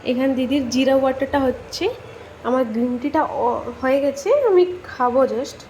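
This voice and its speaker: A woman with a West Bengal accent talks through her day in a casual home vlog, addressing her viewers directly. Her voice sits high, and a faint household ambience hums behind her in the kitchen. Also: fairly even intonation, moderate pace, darkish tone, slight background noise. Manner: chatty, talks straight to viewers. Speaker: vlogger.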